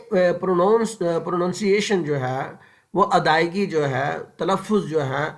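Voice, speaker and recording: A man teaches the pronunciation of Quranic vowel marks. He talks informally, with many fillers, and repeats each example slowly and deliberately. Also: sits high. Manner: frequent fillers and checks for understanding. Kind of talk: informal tajweed lesson over a screen-shared book.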